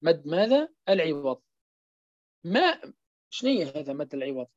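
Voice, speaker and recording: Low-voiced woman teaching Quran recitation. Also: big pitch swings, moderate pace, darkish tone, no echo. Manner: asks a question then answers it herself, repeating key terms; checks understanding with frequent rhetorical prompts. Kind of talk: tajweed lesson. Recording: dull lo-fi dry recording.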